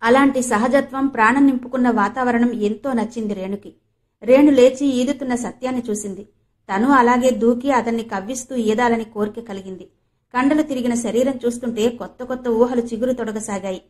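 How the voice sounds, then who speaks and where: A woman from Andhra Pradesh narrating a novel in steady storytelling. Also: fairly high pitch, brisk. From Andhra Pradesh, India. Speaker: audiobook narrator. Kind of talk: novel reading.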